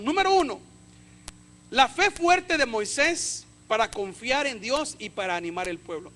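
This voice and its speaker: A male pastor preaches a sermon in a strikingly high, bright voice. He moves between fervent, loud passages and hushed, soft asides. A faint noise sits under the livestream recording.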